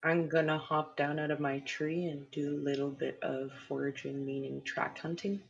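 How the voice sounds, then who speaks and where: A woman's voice: sits low, flat delivery, moderate pace, vocal fry, lo-fi sound, slight background noise. A woman playing a tabletop role-playing game, describing her character's actions in a playful, giggly way. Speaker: player. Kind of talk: casual tabletop role-play.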